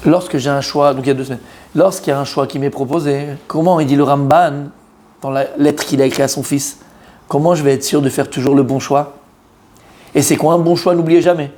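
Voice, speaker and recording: A man teaching a Torah class in French, an animated teacher who quizzes his students, repeats key points and mixes in Hebrew terms. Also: on the high side, a little fast.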